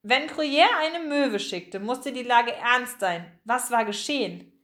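A woman narrating a children's audiobook, expressive and slowing down for suspense. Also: a little high.

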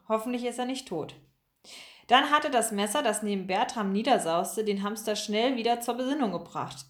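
A woman narrating a children's storybook aloud with lively, expressive reading. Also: mid-range voice. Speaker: audiobook reader. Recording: echoey room.

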